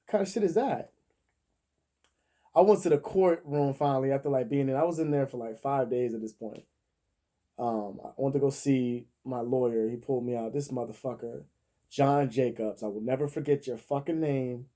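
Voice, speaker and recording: Guy in his 30s telling a story, cussing and laughing a lot, super dark mellow voice. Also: medium pitch, normal speed. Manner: profane, laughs often, acts out the people he quotes. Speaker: vlogger. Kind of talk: casual storytelling.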